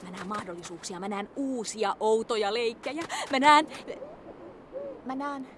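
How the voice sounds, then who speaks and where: A woman's voice: fairly high pitch, slight background noise, close to an everyday voice. A woman voicing an eager, imaginative young girl in a radio play. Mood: dreamy.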